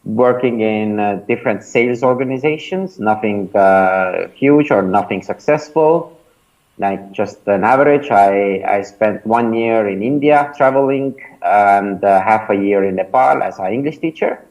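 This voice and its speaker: Poor audio captures a startup founder and mentor in his thirties being interviewed. He has an Estonian accent from his native Estonian, and his lowish, darkish voice moves a little slowly. His answers come out casual and hesitant, with frequent fillers and false starts.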